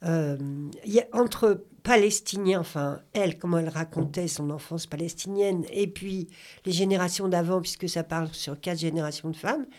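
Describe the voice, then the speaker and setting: A woman from Corrèze in France talks as a radio guest. She tells a memory earnestly and with some animation. Her pitch sits on the lower side. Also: moderate pace, a little mellow. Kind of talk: conversational radio talk.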